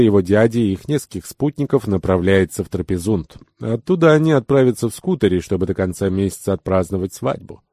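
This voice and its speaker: A man reading an adventure novel aloud, narrating and voicing the dialogue himself, rising sharply in pitch and volume for angry lines. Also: a little mellow, no echo, clean studio sound. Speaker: audiobook reader. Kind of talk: scripted narration with character dialogue.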